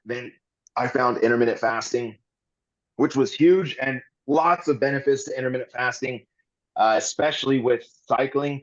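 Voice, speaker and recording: A man's voice: mid-range voice, muffled recording. A man guesting on a podcast, talking candidly and earnestly in long rambling runs with frequent restarts.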